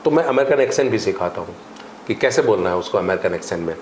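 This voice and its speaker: A man's voice: sits low, quick pace. Emphatic English-teacher man, echoey. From India. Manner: animated, emphatic teaching, mixes Hindi with English phrases and drills. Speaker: spoken English teacher and coaching director. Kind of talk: podcast interview. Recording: echoey room with faint ambient noise.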